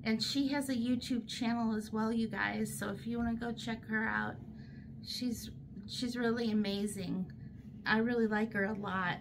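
A middle-aged woman chatting casually about her crochet project from a hospital bed, unhurried and laughing at herself. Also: on the high side, steady tone, gravelly, noisy background. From United States. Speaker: crochet vlogger. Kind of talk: casual show-and-tell chat. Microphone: fixed camera in front.

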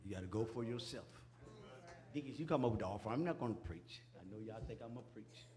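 In a church sanctuary, a male preacher with a lowish voice exhorts his congregation in a folksy call-and-response style, talking fast with lively intonation and building toward shouting.

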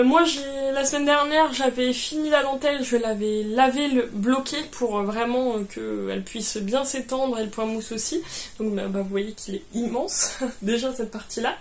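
Chatty woman with a slightly high voice. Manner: hesitant, many fillers and restarts; cheerful, laughs often. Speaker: knitting vlogger. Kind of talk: casual show-and-tell chat.

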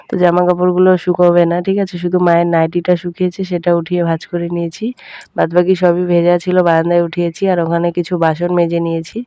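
Young woman vlogger, quick and even-toned chatty voice-over, dry close sound. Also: lowish voice, clear, resonant tone, no room sound, dull audio. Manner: chatty, addresses viewers as friends, keeps tagging "all right". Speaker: daily-life vlogger. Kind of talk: casual home vlog voice-over. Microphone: voice-over recorded separately.

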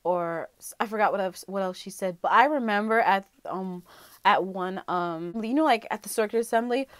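A woman's voice: medium pitch, moderate pace, no room sound. A woman talking casually to her channel in a rambling way, full of fillers and restarts, as she reacts to a video. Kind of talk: casual reaction vlog chat.

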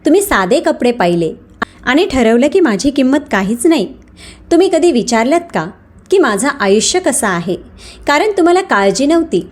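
Woman reading as a calm, firm older mother. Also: high voice, normal speed. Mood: stern. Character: calm dignified older mother, wealthy but humble.

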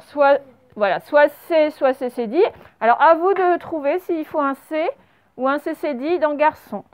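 A woman teaching young children a spelling and dictation lesson, speaking slowly and patiently and spelling words out letter by letter. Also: sits high. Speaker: primary school teacher. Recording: slightly dull, lo-fi home recording.

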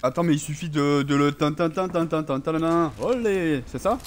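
Excitable swearing male gaming streamer. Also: fairly high pitch, moderate pace, soft background music. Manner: excitable, swears often, talks back to the enemy on screen. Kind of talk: live gameplay commentary.

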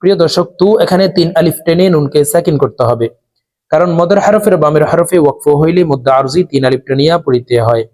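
A man with a slightly high voice leads a recitation lesson. He spells out each letter with its vowel mark in a calm, measured way, then chants whole words slowly with the long vowels drawn out. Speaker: Quran recitation teacher.

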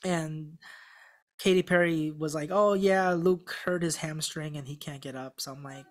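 A young man of Korean background, a former contestant appearing as a podcast guest, tells a story in casual, animated talk full of restarts. His voice is on the high side and unhurried, close to a studio mic on a stand in front of him in a small room with a gray backdrop.

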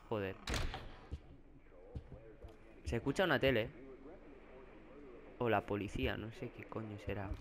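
A young man from Spain with a Spanish accent, narrating a horror game and getting jumpy, swearing and crying out in fright. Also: lowish voice. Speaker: gaming YouTuber. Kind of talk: horror game let's play commentary. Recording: faint background noise.

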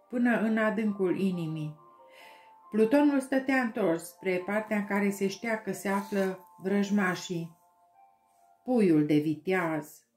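A woman narrating an audiobook with slow, expressive storytelling. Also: mid-range voice, roomy sound. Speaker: audiobook reader.

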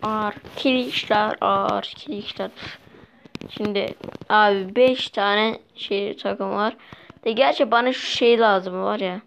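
A woman's voice: medium pitch, fairly even intonation, takes it slowly, creaky. A young woman giving casual commentary while playing a mobile game, chatty and easily exasperated as she talks to her viewers. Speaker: mobile gameplay vlogger. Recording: dull lo-fi sound with faint noise.

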